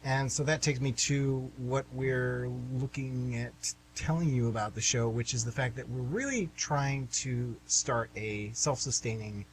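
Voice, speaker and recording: With a mid-range voice and measured pace, this man introduces and narrates his amateur radio theatre program in a chatty, informal way. A faint hum sits in the background of the radio recording.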